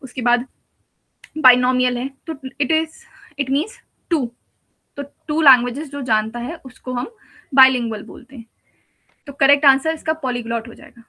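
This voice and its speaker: A woman's voice: sits high, a little slow, long pauses, pushed and bright. A woman teacher giving a patient exam-prep lecture, explaining step by step with repeated examples. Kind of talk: exam-prep lecture mixing Hindi and English.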